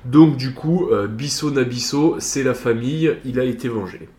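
A young man telling an army story to his podcast listeners in a slangy, animated way, full of fillers, with a mid-range voice. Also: medium pitch, normal speed. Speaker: podcast host. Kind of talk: casual storytelling. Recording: roomy echo.

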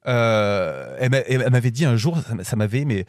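A young French man guest in a casual interview, talkative and quick, tripping over restarts and fillers. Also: mid-range voice, expressive, a little mellow, no room sound, clean studio sound. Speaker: podcast guest.

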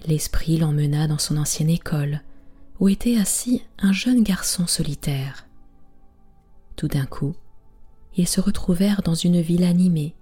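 A woman in whispered bedtime storytelling, reading aloud in a soft, hushed way. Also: sits low, measured pace, slightly rough, faint music behind.

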